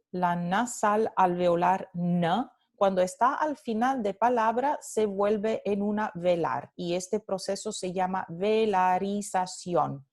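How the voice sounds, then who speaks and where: Slow, patient woman teaching Spanish. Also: mid-range voice. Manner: explains slowly, switching between Spanish and English; repeats example words to model pronunciation. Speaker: Spanish language instructor. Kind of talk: recorded lecture.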